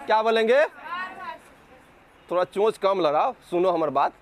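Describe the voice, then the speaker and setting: A Bihari man with a high voice teaches physics to a group of students. He keeps asking the same question again and again to drill it in, and he scolds anyone who messes around. Children murmur faintly in the background of an outdoor space. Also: animated, normal speed, a faint crowd. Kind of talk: classroom lecture to students.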